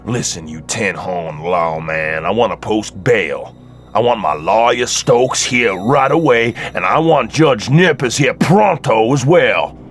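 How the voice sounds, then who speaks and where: An actor playing a haughty, menacing middle-aged cattle baron in a western drama, imperious and threatening. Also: male voice, on the low side, animated, a little slow, soft background music. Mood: angry, threatening. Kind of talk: western audio drama acting.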